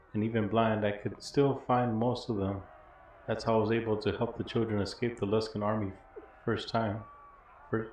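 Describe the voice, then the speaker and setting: Man voicing a low-pitched old blind smuggler. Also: a little mellow, lightly acted. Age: older. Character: poor blind old former smuggler, wry and bitter. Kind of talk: reading video game dialogue in character. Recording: dull, roomy audio with faint noise.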